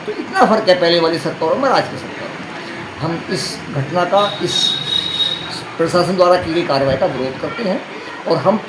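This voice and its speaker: A man's voice: fairly high pitch, animated, moderate pace. Earnest man. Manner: formal, earnest protest. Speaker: party official giving a statement. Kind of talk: speaking to a reporter. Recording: echoey room with noise.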